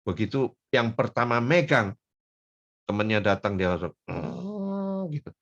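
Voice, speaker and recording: An older man from North Sumatra preaching a folksy sermon, dropping to soft murmurs and then rising into loud, emphatic bursts. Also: lowish voice, lively intonation, moderate pace, dull audio. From Pematangsiantar, North Sumatra.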